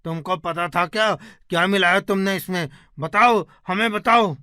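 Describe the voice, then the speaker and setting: A man's voice: high-pitched, normal speed, bright, forceful tone, dry recording. A man voicing a boastful, greedy young village man in a cartoon story. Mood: pained. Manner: boastful, whiny in pain.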